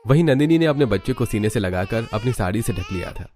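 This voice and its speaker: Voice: medium pitch, fast talker. मध्यम सुर का कथावाचक, कार्टून कहानी को सहज, लिखे हुए अंदाज़ में पढ़ता हुआ।. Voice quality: even, storytelling. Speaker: narrator. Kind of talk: scripted story narration.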